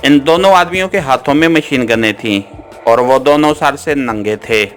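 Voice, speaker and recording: A man reading a thriller novel aloud as an audiobook narrator, in a steady, even manner. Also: medium pitch, normal speed, slight background noise. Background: soft background music.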